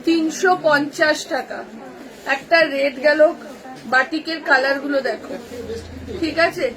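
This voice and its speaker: Woman, live sales stream, high voice, busy shop chatter behind. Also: steady tone, low-quality recording. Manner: brisk repetitive sales patter, calling out colours and prices. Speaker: boutique owner selling clothes on a live stream. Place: her shop.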